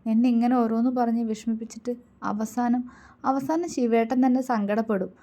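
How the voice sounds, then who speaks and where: A woman's voice: on the high side, steady tone, moderate pace, dark tone, natural voice. A woman voicing a hurt, stubborn young wife. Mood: tearful. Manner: tearful yet defiant, scornful. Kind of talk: storybook reading.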